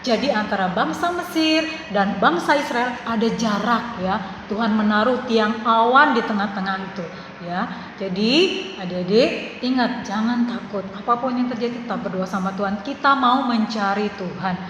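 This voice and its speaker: A woman teaching a children's church class, telling a Bible story in a lively, animated storytelling manner. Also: on the high side, moderate pace. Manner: lively storytelling to children, calls herself big sister. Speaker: Sunday school teacher. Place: church hall. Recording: echoey hall with faint room noise.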